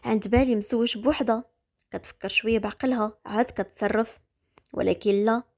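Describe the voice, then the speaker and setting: A woman's voice: steady tone, a little fast, a little mellow. A woman doing a furious jealous husband. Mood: bitter. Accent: Moroccan. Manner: angry, accusing, lower-pitched. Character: furious jealous young husband, shouting accusations.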